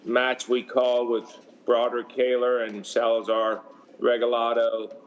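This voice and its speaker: A man's voice: medium pitch, monotone, measured pace, poor audio. A man giving color commentary on a platform tennis match, conversational and often restarting his sentences. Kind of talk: sports commentary.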